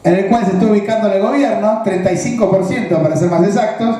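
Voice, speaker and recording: A man with a Rioplatense Argentine accent lays out a political analysis as a speech, pausing to ask whether his listeners follow. His voice sits high but with a mellow, dark tone. The recording is heavily echoey and roomy. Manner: explanatory, asks the audience rhetorical check-in questions. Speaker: political speaker.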